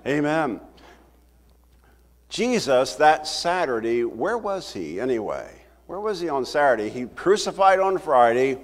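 Older pastor preaching in a reverberant sanctuary. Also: male voice, a little high. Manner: animated, conversational preaching with wide gestures. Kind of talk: sermon. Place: church sanctuary, at a wooden pulpit. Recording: roomy hall reverb from the sanctuary.

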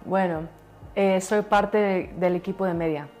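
Woman, pastor's daughter guest; earnest preachy testimony, repeats for emphasis, soft music faintly underneath. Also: medium pitch, steady tone, a little slow. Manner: mixes in English words. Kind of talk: emotional testimony in a church interview.

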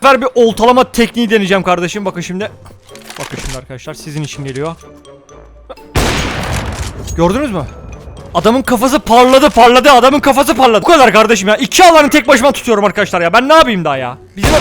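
Young man, high voice, excitable jokey game commentary, music and gunfire behind. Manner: excitable, jokey, shouts during fights. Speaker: gaming YouTuber. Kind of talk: gameplay commentary.

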